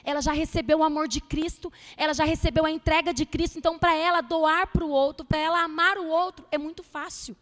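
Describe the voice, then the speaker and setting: High-voiced woman preaching in a reverberant hall. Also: a little fast, hardly any pauses. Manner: lively storytelling with quoted dialogue. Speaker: pastor. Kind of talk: sermon to couples. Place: church.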